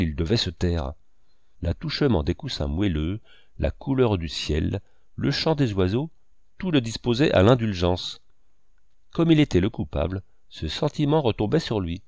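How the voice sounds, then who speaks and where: A man reads a literary novel aloud in a measured, expressive way. His low voice rises and falls with lively inflection. He is close to the microphone in a dry, dead sound. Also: creaky, no echo. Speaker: audiobook narrator. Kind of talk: literary audiobook narration.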